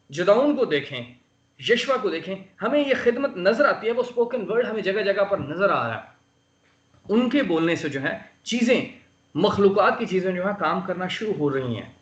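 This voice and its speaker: A man with a high voice preaches an earnest sermon over an online video call. His exhortations rise and press the point. The sound is dull and lo-fi, in a roomy space. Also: fairly bright tone. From Pakistan. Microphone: online call microphone.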